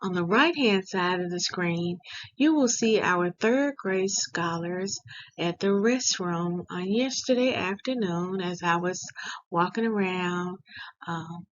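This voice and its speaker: A school administrator reads the morning school announcements in a deliberate, instructive manner. Her voice is medium-pitched, and the audio is lo-fi.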